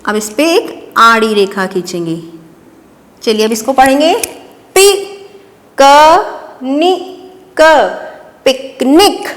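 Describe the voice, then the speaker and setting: A long reverb tail follows a high, fairly bright female voice as she gives young children a slow dictation, patiently breaking each word into syllables and saying it again.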